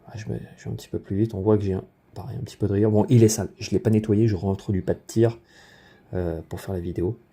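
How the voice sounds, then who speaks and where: A man with a somewhat low, gravelly voice talks through his rifle in a loose, off-the-cuff video commentary. His tone is very dark and mellow, and he keeps restarting his sentences with fillers. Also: steady tone, fast. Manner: rambling, many fillers and self-corrections. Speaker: gun collector presenting his rifle.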